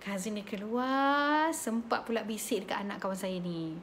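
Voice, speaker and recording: A woman in her thirties with a Malaysian accent, hosting a parenting talk and telling stories in a chatty, animated way. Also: mid-range voice, moderate pace, slight background noise. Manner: chatty, code-switching, animated storytelling. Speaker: host of a parenting slot. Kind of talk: casual live chat, storytelling.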